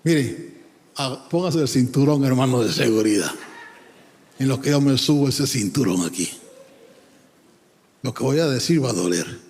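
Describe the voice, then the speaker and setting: A man's voice: mid-range voice, expressive, moderate pace, pauses often, darkish tone. A man preaching a sermon with emphatic delivery, often calling out to his listeners as brother and breaking into sung lines. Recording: long hall reverb.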